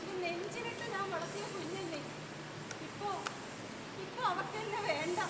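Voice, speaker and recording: A woman's voice: extremely high pitch, heavy background noise. A woman acting a troubled working mother in an amateur stage drama, pleading and breaking into sobs. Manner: pleading, breaks into shouted sobbing. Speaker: stage actor. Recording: echoey hall, far from mic, loud crowd.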